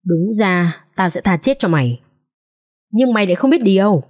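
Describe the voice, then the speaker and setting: A woman's voice: mid-range voice, animated, normal speed, a little mellow, natural voice. A woman voicing a brutal male killer who hisses threats, in an audio story. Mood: menacing. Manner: hissing threats.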